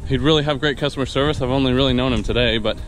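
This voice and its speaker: A young adult man talks very fast in a mid-range voice, faint music behind him, as he enthusiastically records a casual review. The vlogger and new private pilot is on a wooded dirt path, holding an action camera at arm's length, and his speech rambles with fillers and restarts.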